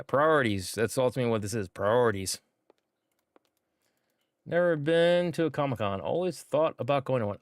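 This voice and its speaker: An American man streams a game live, offering laid-back, rambling commentary full of fillers. His medium-pitched voice comes through in a dry recording.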